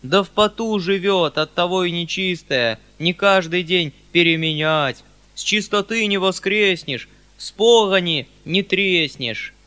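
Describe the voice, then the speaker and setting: A man reading an audiobook puts on a talkative old peasant with a wispy beard, pleading with his master in a loud, raised, folksy voice. The tone is bright and sharp, and the delivery is strained and earnest. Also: high voice, unhurried, smooth, voice pushed up.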